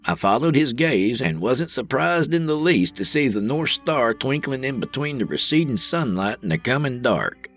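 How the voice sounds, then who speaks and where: A man's voice: mid-range voice, moderate pace, hardly any pauses, soft background music. A man narrating an audio drama in the first person, wry and colloquial. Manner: wry, colloquial storytelling with animated swings.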